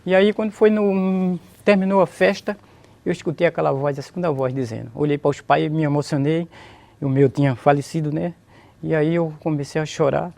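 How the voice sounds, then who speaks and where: A man's voice: fairly high pitch, steady tone, a little fast, vocal fry, darkish tone. A Brazilian man telling his story of religious conversion, repeating phrases and praising God as he talks. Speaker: interviewee giving a testimony. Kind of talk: emotional religious testimony.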